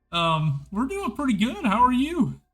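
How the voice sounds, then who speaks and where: A man hosting a casual hockey podcast on a livestream, chatty and enthusiastic, rambling as he goes. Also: very high voice. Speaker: podcast host.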